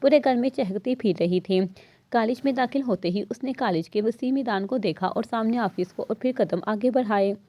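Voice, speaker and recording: A woman reading a novel aloud in steady storytelling narration. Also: on the high side, moderate pace, dry recording, dull audio.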